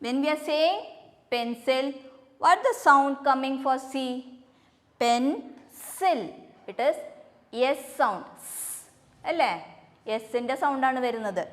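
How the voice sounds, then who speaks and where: Slow, patient Malayali woman teaching phonics. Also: sits high, a bit bright, in a large hall. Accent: Malayali English. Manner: slow, patient, spells out words letter by letter and asks questions. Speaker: kindergarten teacher. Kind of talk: phonics lesson for young children.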